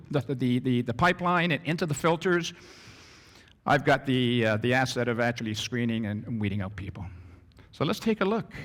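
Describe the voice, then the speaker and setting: A man giving a business presentation to an audience, animated and acting out little scenes as he talks. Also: a little high. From Canada. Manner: animated, acts out scenarios in character voices. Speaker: business trainer. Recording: long reverb of a hall.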